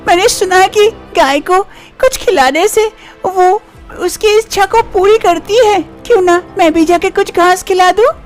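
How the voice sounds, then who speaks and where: A very high, girlish voice plays a worried young wife, acted by a woman. She pleads and frets in this animated story. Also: a little slow, faint music behind. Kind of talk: storybook voice acting.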